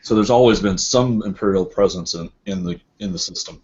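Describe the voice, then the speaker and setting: A man narrating as game master in a tabletop role-play, relaxed and musing, with many fillers and restarts. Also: sits low, a little fast. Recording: dull lo-fi group recording.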